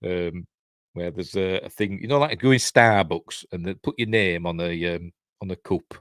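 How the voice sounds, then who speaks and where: His voice sits low but has a fairly bright tone, delivered at normal speed in clean studio sound without room noise. He's a middle-aged man from Yorkshire, England, hosting a chatty, rambling livestream reviewing TV and making self-deprecating remarks.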